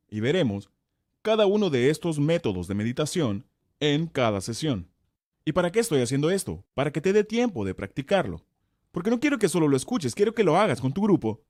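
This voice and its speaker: A man's voice: on the high side, a little mellow, dry recording, clean studio sound. A man teaching a Bible study session as pastor, emphatic and repeating key words for stress.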